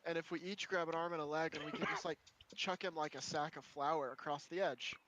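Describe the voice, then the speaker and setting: A man's voice: on the high side, steady tone, a little fast, background noise. A man playing a tabletop game, eagerly throwing out plans and saying "like" a lot. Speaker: player. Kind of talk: casual tabletop game chat.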